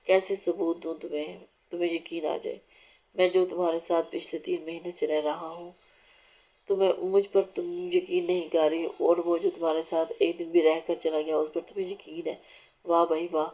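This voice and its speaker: A woman's voice: lowish voice, little pitch movement, mellow, close to an everyday voice. Woman reading as a bossy, mocking young husband. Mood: teasing. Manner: domineering, mocking. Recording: dull lo-fi recording.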